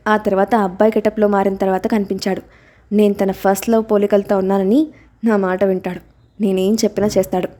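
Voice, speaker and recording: A woman voicing a fiery young woman disguised as a man, sharp-tongued and scolding. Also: medium pitch, natural voice.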